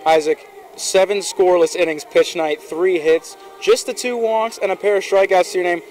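Casting: young male field reporter, high bright voice, outdoor handheld mic. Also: fairly even intonation, moderate pace, rough recording. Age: young adult. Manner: crisp scripted questions. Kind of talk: postgame interview. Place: outdoors on a baseball field at dusk.

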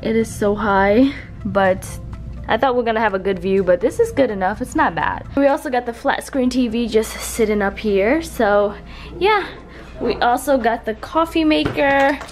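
A young vlogger walks through a hotel room with a handheld camera, chatting in a slangy, casual way to her viewers and her partner. Her voice is on the high side and raspy from just waking up, at a moderate pace. Soft music plays in the background.

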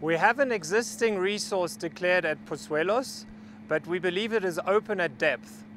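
A man in his thirties gives a measured, factual on-site briefing to camera outdoors on a salt flat, speaking as a mining company representative on a lapel mic. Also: high-pitched, a little hiss or hum. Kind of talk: on-site project presentation to camera. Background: background music.

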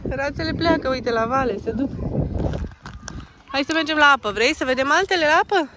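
A woman's voice: sits high, background noise. A woman from Romania, vlogging with a handheld phone in a town park, talking to her toddler in a coaxing sing-song way and slipping into English words. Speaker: vlogger and mother. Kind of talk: casual vlog chat with her toddler.

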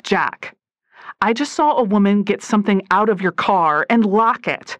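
A woman's voice: normal speed, fairly bright tone, dry recording, natural voice. A woman narrator voicing a hurt young woman who pleads and demands answers from her lover. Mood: upset. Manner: pleading, rising to shrill.

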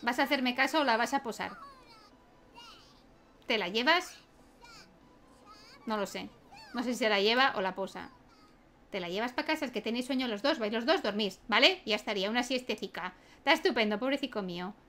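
Chatty lady doing a let's play, high bright voice, laughs a lot. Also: expressive, brisk, long pauses, slight background noise. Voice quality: chatty, laughs often, keeps asking ¿vale?. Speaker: gaming video creator.

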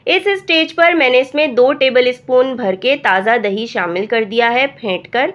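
A woman with a hoarse voice from a cold, calmly talking through a recipe step by step as a cooking channel host. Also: a little high, normal speed. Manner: calm step-by-step instructing. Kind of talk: recipe voice-over narration. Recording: dull lo-fi voice-over.

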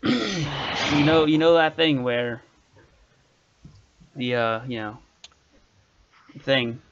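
A man chats loosely while streaming a survival game, losing his train of thought and trailing off. His voice sits at an everyday middle pitch. The stream audio sounds dull and muffled. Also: fairly even intonation, extremely slow. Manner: rambling, trails off mid-sentence. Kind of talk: casual gameplay chat.

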